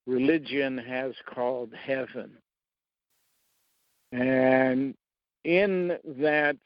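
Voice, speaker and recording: A man talking through a slow, rambling monologue, pausing often between short phrases. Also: mid-range voice, no echo, muffled recording. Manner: halting, long pauses between phrases. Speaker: speaker sharing beliefs.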